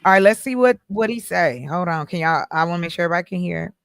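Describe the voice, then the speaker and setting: A woman hosting a casual group chat in a playful, teasing, animated manner. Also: lowish voice, quick pace, vocal fry, smooth, no echo. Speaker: host.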